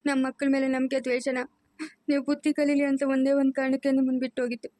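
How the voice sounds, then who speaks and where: A woman's voice: a little high, fairly even intonation, fairly quick, darkish tone, no room sound, natural voice. A middle-aged woman playing a stern, wounded mother who scolds her family firmly in a home drama. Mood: bitter reproach. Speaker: mother-in-law. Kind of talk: amateur family drama acting.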